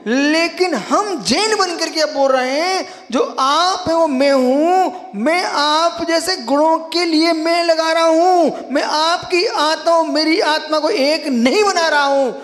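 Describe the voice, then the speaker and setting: A man's voice: very high voice, takes it slowly, few pauses, a bit bright. A man giving a religious sermon, repeating key phrases for emphasis and calling on his listeners as friends. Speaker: Jain monk preacher. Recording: long hall reverb.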